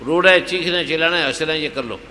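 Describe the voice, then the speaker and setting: High-voiced man guiding a reverberant hall. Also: fast talker, sharp tone, a little hiss or hum. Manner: commanding, repetitive exhortations. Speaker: spiritual guru leading a gathering. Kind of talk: guided meditation and cathartic exercise. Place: large hall at a religious gathering.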